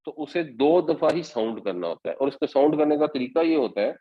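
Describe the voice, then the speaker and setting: A man's voice: a little high, sing-song, lo-fi sound. A man giving a Quran commentary lesson, explaining patiently step by step. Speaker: Quran teacher.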